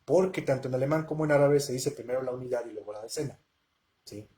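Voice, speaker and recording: A man's voice: mid-range voice, quick pace, warm tone. A man hosting a live question-and-answer language lesson, talking casually and often checking in with his listeners. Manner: conversational, checks in with rhetorical questions.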